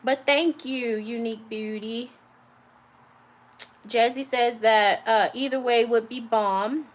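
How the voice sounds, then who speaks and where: A woman's voice: a little high, slow pace. Chatty woman home cook, talks to her viewers. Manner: chatty, relaxed, talks to viewers, calls them honey and guys. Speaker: home cook streaming live. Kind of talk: casual live cooking stream.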